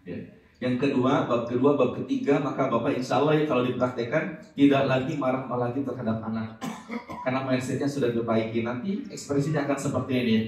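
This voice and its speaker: A man preaching a religious study talk to an audience, lively and acting out parents' voices, sometimes reciting Arabic verses slowly. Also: mid-range voice. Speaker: Islamic preacher. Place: large hall before an audience. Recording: echoey hall, voice from far off.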